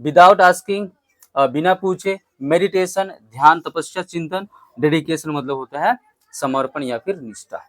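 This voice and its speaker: With a fairly high voice, measured pace and no room sound, a young man runs an English vocabulary lesson. Each word gets spelled out one letter at a time, and the class echoes it back in a repetition drill.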